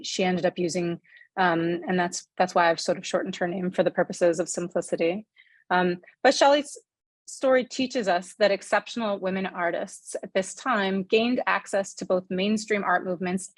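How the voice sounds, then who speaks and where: A woman's voice: fairly low pitch, no echo. A woman in her forties presenting her book in an online lecture, earnest, with frequent ums and self-corrections.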